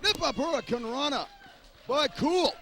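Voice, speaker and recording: A man's voice: extremely high pitch, lively intonation, measured pace, gravelly. A man giving live wrestling commentary with emphatic, dramatic phrasing.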